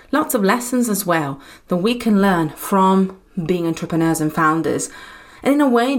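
Woman, podcast host, enthusiastic and chatty. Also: mid-range voice. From Italy. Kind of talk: upbeat podcast introduction.

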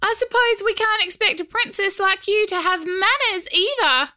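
A woman voicing a tiny, gravelly male stone goblin in a storybook reading, polite but cheeky. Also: very high-pitched, moderate pace, bright, forceful tone, pitched above the performer's own voice. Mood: teasing.

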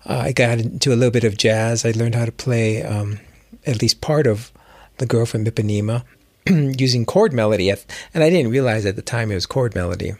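Brisk and darkish in tone, this mid-range voice belongs to a Hawaii-born musician and teacher appearing as an interview guest. He shares stories casually and thoughtfully, frequently rewording himself. The recording has no echo.

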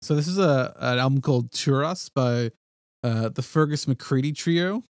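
A man's voice: medium pitch, moderate pace, clean tone, no room sound, clean studio sound. A man co-hosting a podcast, talking casually about music with hesitant fillers. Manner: hesitant, many fillers, laughs along. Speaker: podcast co-host.

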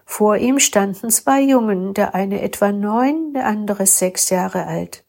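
A woman reading a first-person story aloud with calm, steady narration. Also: medium pitch, slow, vocal fry. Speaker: story reader.

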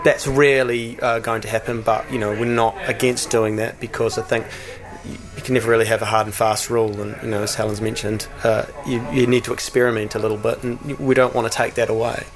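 On poor audio, a radio promo producer talks a little fast in a mid-range voice. His interview manner is easygoing and halting, with frequent fillers and false starts.

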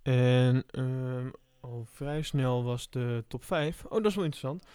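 A man hosting a podcast in casual chat, halting with frequent fillers. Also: mid-range voice, mellow, clean tone, no echo. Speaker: podcast host. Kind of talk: casual chat about motor racing.

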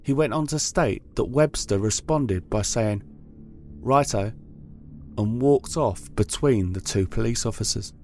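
A man's voice: fairly low pitch, normal speed, few pauses, darkish tone, faint music behind. A man reading scripted true-crime narration in a formal, factual manner.

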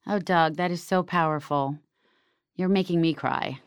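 Casting note: earnest woman interviewer with a very low, smooth voice. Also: a little slow, no echo, studio quality. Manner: earnest and empathetic. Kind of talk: interview questions.

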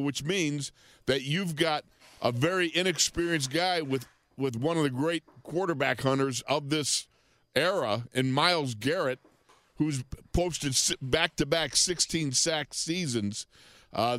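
A man's voice: fairly high pitch, fairly bright tone, dry recording. A man co-hosting a sports radio show, chatty and teasing as he asks questions. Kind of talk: casual sports talk.

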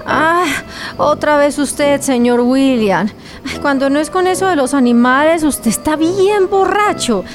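A woman's voice: high-pitched, unhurried, soft background music. A woman playing a grumpy neighbor woken in the night, scolding a drunk at her door, in an amateur radio drama. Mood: annoyed. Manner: scolding, impatient.

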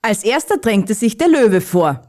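Woman, storyteller, children's story read aloud, calm and even, mid pitch. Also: a little slow.

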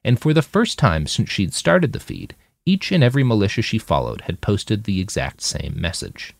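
An author reads his own novel aloud as scripted audiobook narration, performing the quoted dialogue expressively. His voice is lowish with vocal fry, at a moderate pace, and there's no echo.

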